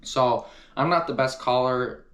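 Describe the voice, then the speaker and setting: Casting: man, mid-pitched voice, casual hunting gear reviewer, enthusiastic, leans on repeated words for emphasis. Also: unhurried, fairly bright tone. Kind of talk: casual product review to camera.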